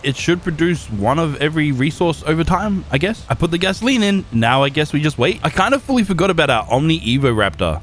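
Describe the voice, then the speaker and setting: A young man narrating a survival game recap as a YouTuber, excitable and chatty with quick outbursts of reaction. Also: a little high, slight background noise. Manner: lively and excitable, with sudden exclamations. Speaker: gaming YouTuber.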